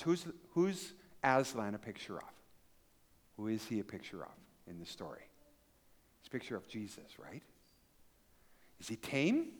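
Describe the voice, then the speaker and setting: A man preaching to a congregation of children and adults, telling a story and asking the crowd questions. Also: mid-range voice. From Canada. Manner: animated storytelling, acts out voices and asks the crowd questions. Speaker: pastor.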